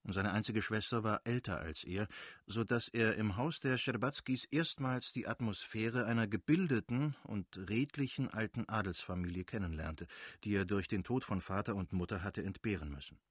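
A man reading a novel aloud as narrator, in a measured, expressive way with a husky voice. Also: on the low side, dry recording, studio quality. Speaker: audiobook narrator.

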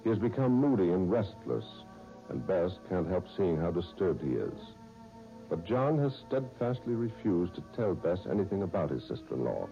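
A man announcing a 1930s radio serial in a smooth, measured announcer style, heard as an old radio broadcast. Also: deep voice, sing-song. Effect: old radio broadcast sound. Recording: dull old radio recording, faint music.

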